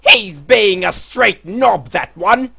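A man voicing a pompous, prim British gentleman in a put-on posh British accent, scolding in a haughty, drawn-out way during game commentary. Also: high voice, animated, gravelly, slight background noise, voice pushed up, exaggerated voice. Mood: indignant. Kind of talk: let's play commentary.

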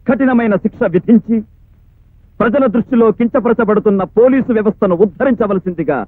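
A formal prosecutor, probing a witness. His voice sits high. The sound is dry and tinny, like an old film print. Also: fairly quick, dry recording. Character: stern adult male prosecutor questioning a witness. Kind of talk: 1980s film courtroom drama.

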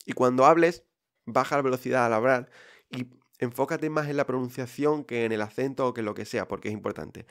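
A man's voice: mid-range voice, a little fast. A man with a Spain Spanish accent hosting a podcast, talking directly and reassuringly with many fillers. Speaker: podcast host. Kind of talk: casual podcast monologue.

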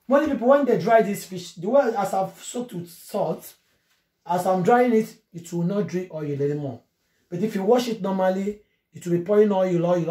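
A woman's voice: lowish voice, warm tone. A woman vlogging a cooking tutorial from her home kitchen, chatting through each step to her viewers. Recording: roomy kitchen echo, faint noise.

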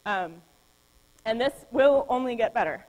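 Woman lecturer, academic talk, halting explanatory delivery with ums, long hall reverb. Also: fairly high pitch, expressive, a little mellow. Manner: explanatory, frequent ums and self-corrections. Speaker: physics lecturer.

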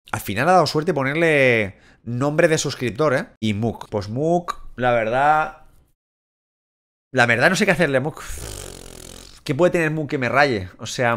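A young man from Spain with a Spain Spanish accent, giving casual, excitable, crude Let's Play commentary and shouting at the game. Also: medium pitch. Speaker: gaming YouTuber.

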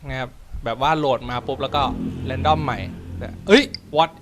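A man's voice: mid-range voice, normal speed, soft background music. A young man hosting a horror game playthrough, chatting, joking, swearing casually and yelping when startled. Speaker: gaming channel host. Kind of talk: let's play commentary.

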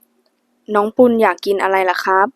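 A woman's voice: mid-range voice, flat delivery, moderate pace, no echo, natural voice. A woman voicing a young man who is eager to please and pleads politely in an audiobook. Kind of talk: audiobook character voice.

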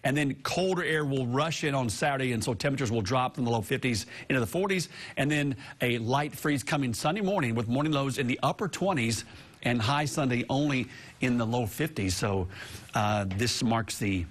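Husky-voiced male TV weatherman. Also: mid-range voice, brisk. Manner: conversational, with frequent fillers. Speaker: TV meteorologist. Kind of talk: weather forecast. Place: TV news studio.

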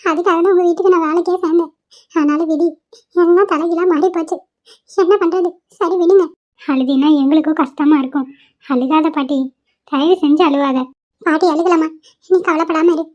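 A woman's voice: very high voice, fairly even intonation, brisk, darkish tone, muffled recording. A woman voicing a fussy, scolding old grandmother in a cartoon, pleading and nagging. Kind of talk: Tamil cartoon voice acting.

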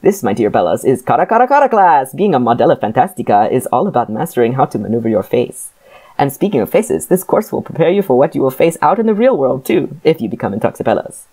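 A woman's voice: extremely low pitch, very animated, fast talker, mellow, husky, heavily acted. A woman voicing a flamboyant male guru teacher, speaking with a put-on Spanish accent. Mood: grandiose.

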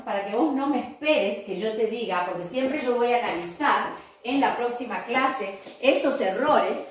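Patient Argentine teacher in an echoey room. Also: female voice, high-pitched, distant mic. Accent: Argentine Spanish. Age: 40s. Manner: slow, patient, checks in constantly with short questions. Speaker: English teacher. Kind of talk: recorded video class for children.

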